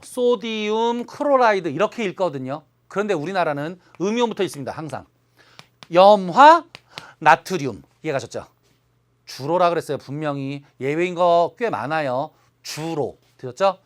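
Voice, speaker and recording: A man's voice: sits high, fairly bright tone. A man teaching a chemistry lecture to students, often checking that they follow and stretching out key syllables for emphasis. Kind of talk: online lecture.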